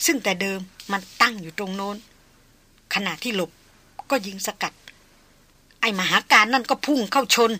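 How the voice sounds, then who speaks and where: A woman's voice: medium pitch, moderate pace, long pauses, sharp tone, no room sound. Woman reading a grieving veteran hunter, subdued. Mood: grave restrained. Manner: subdued, polite, choked. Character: grieving veteran male hunter, hoarse and restrained.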